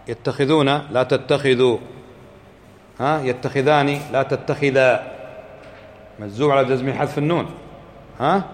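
A man's voice: medium pitch, slight background noise. A man teaching a class as a religious teacher, questioning students, repeating points and chanting quoted verses. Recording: echoey hall with faint ambience.

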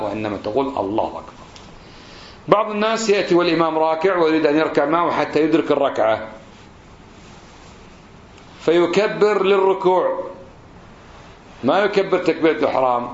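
A man, a religious teacher giving a lesson on prayer. He asks his listeners rhetorical questions and stretches out phrases slowly to show how they should be said. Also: mid-range voice. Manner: drawls out phrases slowly to demonstrate pronunciation. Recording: roomy, slightly dull recording.

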